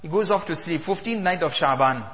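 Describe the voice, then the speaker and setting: Man, sermon, dramatic storytelling, high voice, dull lo-fi sound. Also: expressive, fairly quick, fairly bright tone. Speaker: preacher. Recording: echoey hall, dull sound.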